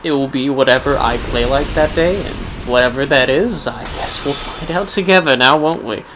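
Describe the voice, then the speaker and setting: A man's voice: mid-range voice, moderate pace. A man giving casual, rambling gameplay commentary as host, musing wryly as if to himself. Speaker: gaming video host. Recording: clearly noisy background under voice.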